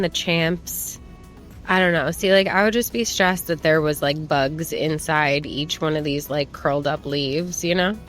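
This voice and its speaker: A woman chatting casually to viewers in a shopping haul vlog, informal and rambling as she browses and remarks on items. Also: sits low. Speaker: plant shopping vlogger. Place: plant shop.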